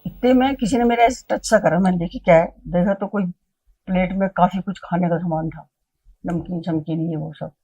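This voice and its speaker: A woman's voice: lowish voice, moderate pace, warm tone, poor audio. A woman sharing her personal devotional experiences, retelling events vividly and acting out the dialogue, slipping English phrases into her talk. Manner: mixes English phrases into Hindi. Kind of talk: personal storytelling.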